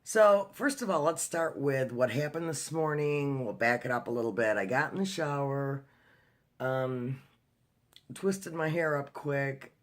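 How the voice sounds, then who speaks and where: A man's voice: mid-range voice, a little slow. A man talking in a casual video diary, telling a personal story in a chatty way with lots of fillers and restarts. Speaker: vlogger.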